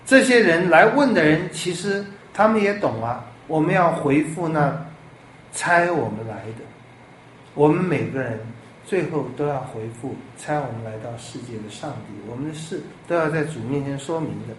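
A male pastor delivers an animated sermon, tossing out rhetorical questions. His voice sits a little high. It echoes around a reverberant room with faint background ambience. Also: moderate pace, a little hiss or hum. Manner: animated, rhetorical questions, lively swings in loudness.

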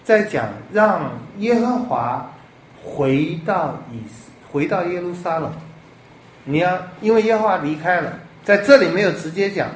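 A male pastor delivers an animated sermon, tossing out rhetorical questions. His voice sits a little high. It echoes around a reverberant room with faint background ambience. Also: unhurried, a little hiss or hum. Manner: animated, rhetorical questions, lively swings in loudness.

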